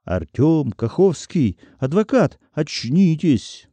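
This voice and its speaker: A nervous, frightened man in an audiobook story gabbles in a panic, his voice set higher and bouncing widely, as a male narrator puts him on. The tone is dark and dry. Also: sing-song, slow pace, no echo, heavily acted.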